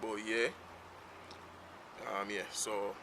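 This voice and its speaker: This Jamaican man, a native Patois speaker, has a lowish voice with little pitch movement, drawing out his words in a pushed, bright way. Vlogging casually in the sun, he chats off the cuff to a camera he's holding himself, wandering from point to point on a town street with faint traffic in the background.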